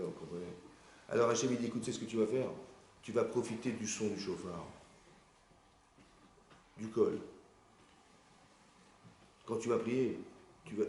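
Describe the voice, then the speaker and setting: A man, a rabbi, giving a lively lesson to his congregation, questioning the audience and acting out quoted voices. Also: medium pitch, a little hiss or hum. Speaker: rabbi teaching a class. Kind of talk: lively sermon-style lesson. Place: synagogue hall. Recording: echoey room, faint ambience.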